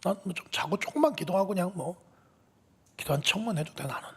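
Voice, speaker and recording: A man's voice: high voice, expressive, quick pace, a bit bright, slightly rough, pitched above the performer's own voice, full character voice. A preacher voicing a boastful male disciple. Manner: boastful, self-assured. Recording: long hall reverb.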